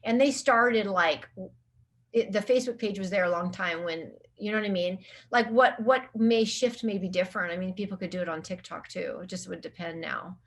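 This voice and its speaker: A woman chatting as a guest in an interview, talking at an ordinary mid-range pitch. She rambles along with frequent restarts and fillers. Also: normal speed. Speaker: guest social media marketing specialist. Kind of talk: casual conversational interview.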